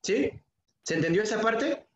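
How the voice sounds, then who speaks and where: Male schoolteacher on a video call, patient and repetitive, slightly high voice, echoey lo-fi audio. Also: expressive, moderate pace. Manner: patient, repeats key points often; asks students questions by name. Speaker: secondary school English teacher. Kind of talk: online class lesson. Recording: dull, echoey room sound.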